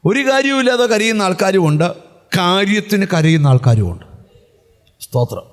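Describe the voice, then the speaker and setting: A man's voice: sits high, big pitch swings, normal speed. A male pastor preaching a sermon and often breaking in with refrains of praise. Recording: hall reverb, church sound system.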